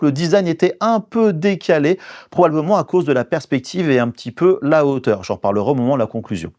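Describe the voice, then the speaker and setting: A middle-aged man from France narrating a relaxed product review, chatty, with many fillers and repeated words. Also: mid-range voice, dry recording, clean studio sound. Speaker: maker reviewing a laser engraver. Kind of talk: casual product review voice-over.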